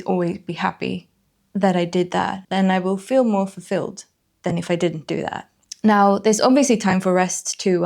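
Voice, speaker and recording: This young woman from northern Sweden, an illustrator and video creator, has a mid-range, darkish voice. She talks to camera in a casual, reflective, frank way, leaning on fillers like "like" and "so yeah."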